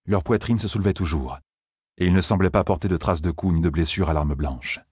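Male audiobook narrator, low and husky, steady measured delivery. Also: dry recording, clean studio sound.

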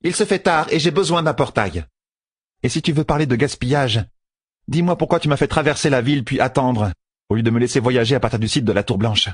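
Male reader voicing an impatient young woman, pitched well up, audiobook role. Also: a little fast, slightly rough, no room sound, studio quality, close to an everyday voice. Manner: raised, urgent, commanding. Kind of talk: audiobook character voice.

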